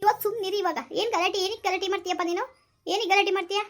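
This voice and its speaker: An exasperated young family member, played by a woman in an amateur comedy skit who argues back and pleads for calm. Her voice is extremely high and the words tumble out at great speed. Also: very fast. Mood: protesting. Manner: protesting, pleading. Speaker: actor in a village family skit.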